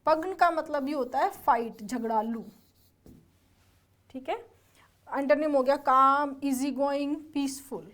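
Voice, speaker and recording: A woman's voice: high voice, takes it slowly, long pauses, fairly bright tone. A woman giving an exam-prep lesson, explaining words step by step and often checking whether her students follow. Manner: spells words out letter by letter. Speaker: English teacher for exam preparation.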